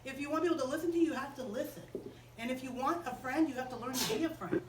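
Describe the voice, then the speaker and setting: Animated woman telling children a story. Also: high-pitched, fast talker, reverberant, recorded from a distance, background noise. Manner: animated, asks the children questions. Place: chapel room.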